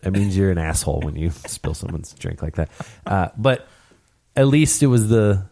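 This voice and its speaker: A young man hosts a casual hockey talk show with a fairly low voice that rises and falls freely as he tells anecdotes. His delivery is animated, and he slips into quick impressions of the people in his stories. The sound is dry and close, with little room around it. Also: gravelly, dry recording. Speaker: podcast host.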